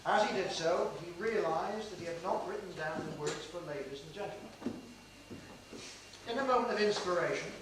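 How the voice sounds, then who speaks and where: Dad of the bride doing his toast on a hissy old vhs home video, high-ish voice, way off from the mic. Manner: measured, joking formal delivery. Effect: old VHS home video tape. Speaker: father of the bride. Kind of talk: wedding toast speech. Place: large room at a wedding reception. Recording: echoey hall, far from the camera, hiss on the tape.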